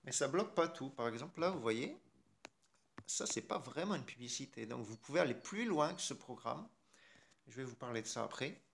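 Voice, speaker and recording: A man's voice: medium pitch, expressive, moderate pace, vocal fry, slight background noise. A man with a French accent hosting a casual phone tutorial, chatty and irreverent, with mild swearing. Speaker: tech tutorial host. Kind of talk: casual screen-recorded tutorial.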